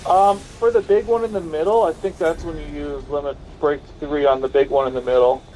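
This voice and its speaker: A man's voice: a little high, fairly even intonation, a little fast, warm tone, rough recording. A man chatting casually while livestreaming a game, explaining mechanics to a friend. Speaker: gamer. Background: game music.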